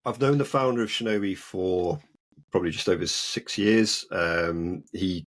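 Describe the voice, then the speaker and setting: Very deep voiced guy, guest on a podcast, chill explaining. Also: a little slow. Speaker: guest, cyber security researcher. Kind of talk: casual interview.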